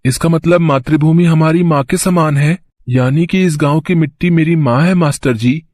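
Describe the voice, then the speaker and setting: A man's voice: on the high side, normal speed, a little mellow, no echo, close to an everyday voice. An eager schoolboy answers his teacher in a raised, earnest voice, as a man plays him. The cartoon voice is dry and close. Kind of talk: cartoon voice acting.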